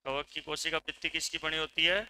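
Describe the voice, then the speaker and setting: A man's voice: a little high, little pitch movement, a little fast, bright, forceful tone, clean tone, poor audio. A man teaching a class, giving dictation and drilling students by repeating his questions and their answers. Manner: gives dictation commands. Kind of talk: classroom lecture.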